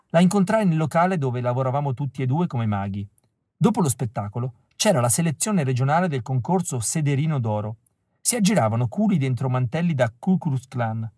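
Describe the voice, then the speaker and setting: A man narrates a literary audiobook in the first person. His telling is wry and expressive, often sinking into a flat, quiet tone. His voice sits at an ordinary middle pitch, and the recording is close and dry, with no room sound. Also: no room sound. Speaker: audiobook reader.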